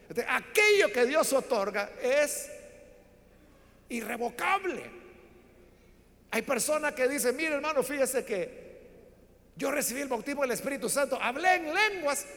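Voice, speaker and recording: High-pitched preacher guy, really animated, long echo like a big hall. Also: measured pace, long pauses. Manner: animated storytelling, acting out voices in Bible stories. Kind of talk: sermon.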